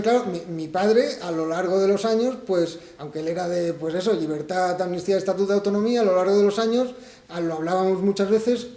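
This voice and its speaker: A man's voice: sits high, warm tone, echoey room. A man from Spain presenting his book at a public talk, thinking aloud and posing rhetorical questions to the audience. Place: event hall.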